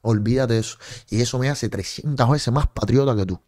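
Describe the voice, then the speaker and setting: A man's voice: mid-range voice, a little fast, a little mellow. A young man with a Cuban accent hosts a livestream from a lit-up home room. He talks close to a large studio microphone. His tone is mocking and scolding, full of sarcastic jabs. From Cuba. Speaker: political commentary streamer. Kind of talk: livestream commentary. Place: home streaming room with colored lights. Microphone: large studio mic on a boom in front of face.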